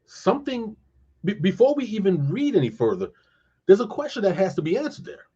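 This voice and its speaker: A man with a husky, slightly breathy voice talks scripture in an animated, casual way, often stopping on fillers as he gathers his thoughts. The recording sounds dull and lo-fi. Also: high-pitched, fairly quick. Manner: animated, searching for words with many fillers. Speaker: co-host discussing scripture. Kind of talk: casual discussion.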